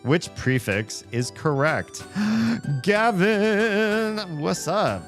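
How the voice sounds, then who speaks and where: A Southern man with a high-sitting voice talks animatedly on a gaming livestream, stretching out his words. He rambles casually, cuts himself off, and keeps a wry edge, with music playing behind him.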